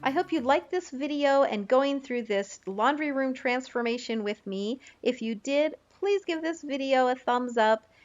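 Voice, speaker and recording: A woman's voice: high-pitched, lively intonation, unhurried, hardly any pauses, highs cut off. A woman home vlogger casually narrating a makeover video in a pleased, chatty, step-by-step way. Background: background music.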